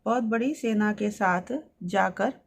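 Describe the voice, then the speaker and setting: A woman teacher reading Sanskrit lines and explaining each one, in a steady line-by-line lesson. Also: medium pitch, slow, gravelly.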